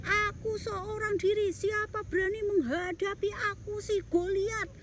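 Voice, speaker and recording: A bragging giant warrior, as a woman storyteller puts him on, yelling challenges at an army in a bedtime tale. The voice jumps well above her usual pitch and gets louder with every jeer. Faint hiss sits under it. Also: fairly even intonation, measured pace. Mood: taunting. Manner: loud shouting taunts, mocking laugh. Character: boastful taunting male giant warrior.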